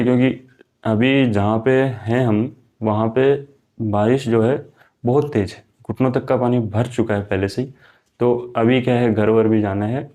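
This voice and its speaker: A man's voice: mid-range voice, mellow. A young man teaching an exam-prep vocabulary lesson in a chatty, casual way, often calling his students brother. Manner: chatty, keeps saying "my brother" and "okay".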